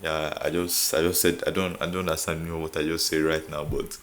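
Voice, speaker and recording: Speaking fairly quickly with an extremely low pitch, a level tone, and a fairly bright quality, a young Nigerian vlogger chats to camera. His Nigerian accent is clear, and he laughs a lot, switches languages, and repeats "like."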